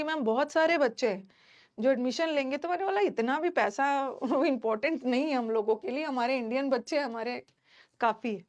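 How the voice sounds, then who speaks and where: High-voiced Indian woman teacher, chatty. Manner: chatty, emphatic, many fillers like "theek hai". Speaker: online teacher. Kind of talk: casual classroom talk to students.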